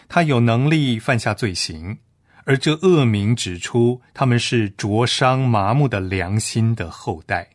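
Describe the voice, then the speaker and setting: A man's voice: mid-range voice, no room sound, studio quality. A man reading a sermon aloud in a solemn, earnest manner. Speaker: preacher. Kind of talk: read sermon.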